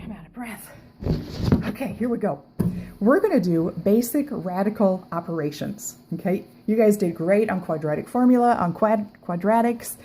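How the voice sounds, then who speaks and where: A woman teaches a math lesson in a relaxed, chatty way, often stopping to check in with "okay?". Her voice is soft and mellow, not bright. A faint noise sits under the recording. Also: mid-range voice, rough recording. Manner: chatty, filler-heavy, says okay often. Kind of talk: casual video lesson. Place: outdoors in a backyard, then recording a screen lesson.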